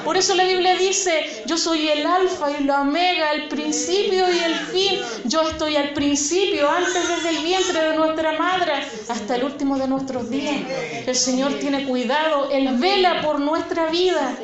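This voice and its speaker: High-voiced woman preacher, earnest sermon, congregation around her. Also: measured pace, a crowd in the background. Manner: earnest, addresses listeners as sister. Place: church. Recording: echoey church hall, dull sound, congregation.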